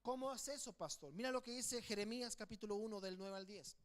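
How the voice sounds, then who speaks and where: A male pastor preaching a sermon to his congregation, with a notably high-pitched voice. He calls on the listeners to repeat after him, shouting some phrases and slowing others into a near hush. His tone is emphatic throughout. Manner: swings between loud declarations and quiet, slowed phrases. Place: church sanctuary with congregation.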